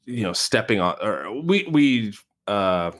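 Low-voiced rambling man, West Coast American accent. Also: very animated, slow, fairly bright tone. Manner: rambling, many fillers and restarts. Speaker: podcast co-host. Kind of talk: casual film discussion.

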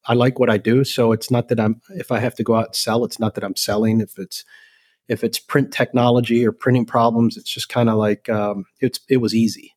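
An older man from El Salvador, a company president talking as a guest in a relaxed, rambling way with many ums and restarts. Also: medium pitch, brisk. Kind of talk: casual interview chat.

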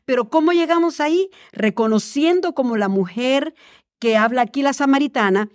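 A woman's voice: high-pitched, moderate pace, darkish tone. A woman speaking fluently and earnestly in a devotional talk, addressing the listener directly with encouragement about faith.

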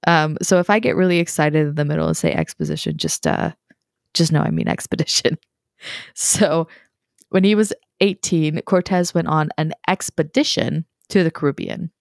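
Young woman w/ a low gravelly voice, chatty history podcast, dry close mic. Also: expressive, normal speed, no echo. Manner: chatty, self-deprecating, tripping over words. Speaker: podcast host. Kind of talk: casual history podcast narration.

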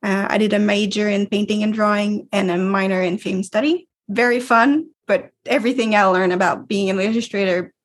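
Husky woman. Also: mid-range voice, steady tone, fairly quick, hardly any pauses. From Quebec. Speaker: guest illustrator. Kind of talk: casual interview.

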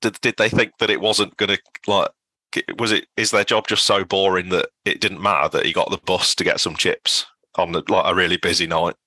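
A man's voice: deep voice, steady tone, a little fast, pushed and bright, husky, no room sound. A man co-hosting a podcast, chatting casually and thinking aloud with questions and restarts. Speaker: podcast co-host. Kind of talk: casual recap chat.

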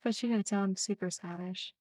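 A woman's voice: medium pitch, steady tone, normal speed, a little mellow, no echo. A woman guest chatting playfully on a casual podcast. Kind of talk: casual chat.

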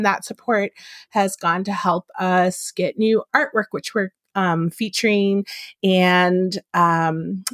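A woman's voice: mid-range voice, fairly bright tone, dry recording. A woman who is a librarian co-hosting a book podcast, chatting in a friendly, giggly way with frequent ums. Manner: giggly, friendly, hesitant fillers. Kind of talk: casual chat.

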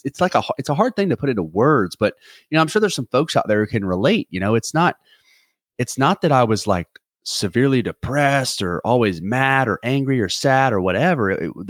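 A man in his twenties hosts a reflective solo podcast, earnest and rambling with many restarts and fillers. His voice is medium-pitched, recorded dry in studio quality.

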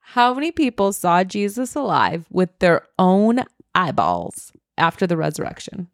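A woman co-hosting a casual faith podcast, retelling a parable with lively, playful character voices. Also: on the low side, a little slow, dry recording, studio quality. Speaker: podcast co-host.

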